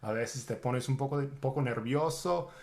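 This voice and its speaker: A man's voice: medium pitch, normal speed. A native English-speaking man teaching English, answering viewer questions in a casual, easygoing Q&A and switching between English and Spanish. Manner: relaxed, easygoing, talks to viewers directly.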